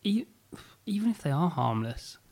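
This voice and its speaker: A man's voice: a little high, big pitch swings, moderate pace, darkish tone. Joking, sarcastic man from England. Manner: sarcastic, joking, hesitant when explaining. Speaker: podcast guest. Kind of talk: casual drunk chat.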